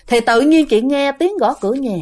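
A woman's voice: high-pitched, normal speed, darkish tone. A woman narrating a ghost story in a chatty way, speaking straight to her listeners. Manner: chatty, talks to listeners directly.

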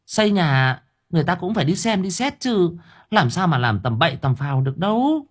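A man's voice: fairly high pitch, very animated, brisk, husky, pitched above the performer's own voice. A man voicing a chatty, opinionated village woman gossiping with neighbors in a storybook tale.

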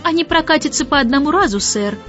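A woman voicing a prim, strict young nanny who speaks crisply in an audiobook. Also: high voice, lively intonation, a bit bright, voice pushed up. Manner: crisp and brisk. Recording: muffled audiobook with faint music.

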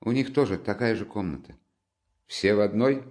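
In an audiobook character reading, the male reader voices a brooding, sullen, curt young man from a storybook in his own somewhat low register. Lightly acted at a moderate pace, the tone stays dark and withdrawn.

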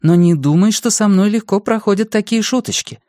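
A man's voice: mellow, dry recording, studio quality, close to an everyday voice. A male audiobook reader voicing an emotional, scolding middle-aged mother who exclaims readily. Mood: alarmed. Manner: shrill, emotional, quick to exclaim. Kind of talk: audiobook character voice.

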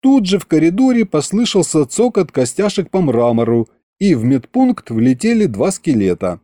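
A man narrating an audiobook in an expressive, storytelling manner. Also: a little high, moderate pace, no room sound, studio quality.

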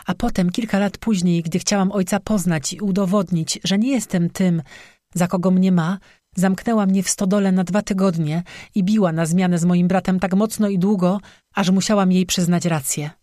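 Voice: medium pitch, fairly even intonation, moderate pace, warm tone, dry recording, lightly acted. An audiobook narrator voicing a young cursed strzyga woman who confesses bitterly through tears, recorded dry and close. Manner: bitter, tearful confession with sobbing.

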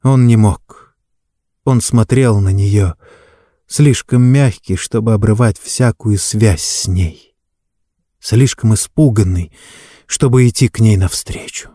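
A man narrating a story in a measured, dramatic reading. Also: lowish voice, warm tone, dry recording, clean studio sound. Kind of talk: audiobook narration.

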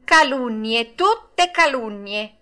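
A woman voicing a frightened, excitable wooden puppet boy in a storybook reading, shrill and breathless. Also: moderate pace. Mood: eager.

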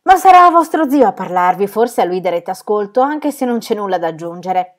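A woman reading an audiobook, voicing a stern, domineering older aunt who scolds loudly and with emphasis. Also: fairly low pitch, normal speed, lightly acted. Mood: scolding.

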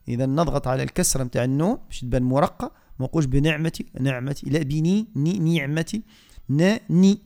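A man teaching Quran recitation on the radio, explaining softly and then chanting verses slowly. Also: a little high. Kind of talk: tajweed lesson with chanted recitation. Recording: radio studio.

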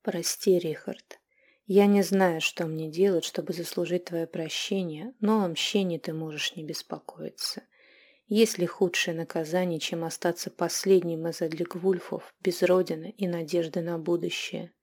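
A woman voicing a grieving, brooding male werewolf who talks in a hushed voice, often slow and whispered. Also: fairly low pitch, little pitch movement, husky, exaggerated voice.

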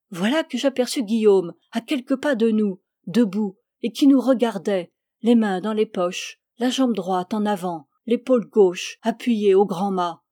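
Woman, audiobook narration, measured and expressive, mellow tone, dry close sound. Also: mid-range voice, no echo. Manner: measured, expressive literary reading. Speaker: reader. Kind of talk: audiobook reading of a classic tale.

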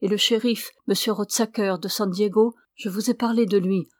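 A woman voicing an exhausted, grief-stricken young man, halting and subdued. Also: mid-range voice, fairly even intonation, darkish tone, no room sound, studio quality, close to an everyday voice. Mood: bitter.

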